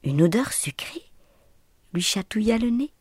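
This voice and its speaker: Slow, husky woman reading a children's story. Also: medium pitch, very animated, no room sound. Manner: soft, often whispered, playful rhythmic delivery.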